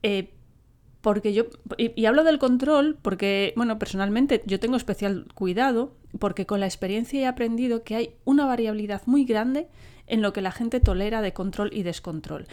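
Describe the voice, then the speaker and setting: A woman with a head cold gives a relaxed spoken lesson as a therapist, her voice a little nasal. She talks in a chatty way, full of fillers and checking questions to the listener. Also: fairly high pitch, moderate pace. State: has a cold, slightly nasal voice. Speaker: therapist teaching a course.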